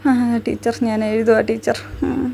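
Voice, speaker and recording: A woman's voice: fairly high pitch, level tone, measured pace, gravelly. A woman playing an unprepared schoolgirl who mutters worriedly to herself during an exam. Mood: panicky.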